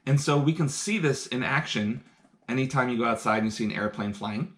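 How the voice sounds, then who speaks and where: This man's medium-pitched voice is brisk and a bit bright. Streaming live from indoors at home, he teaches science, chatting eagerly and going step by step through hands-on experiments.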